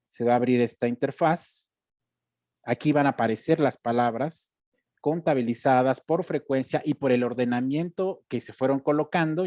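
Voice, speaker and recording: In clean studio audio with no echo, a man teaches a step-by-step screen-share lesson in a warm, mid-range voice. Taking an explanatory tone, this instructor speaks directly to his students and pauses to ask whether they're following along.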